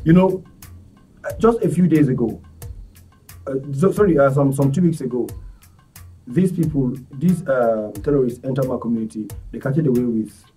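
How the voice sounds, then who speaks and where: Earnest man, dark, distant. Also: medium pitch. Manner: earnest, halting, many restarts. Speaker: guest, charity volunteer. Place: studio set. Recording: distant mic, faint music behind.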